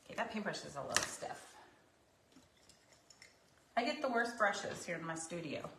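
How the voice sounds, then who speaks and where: A woman's voice: lowish voice, animated, normal speed, vocal fry, noisy background. A woman teaching a craft painting project in her studio, chatting casually with rambling, joking asides. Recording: echoey room, mic at a distance.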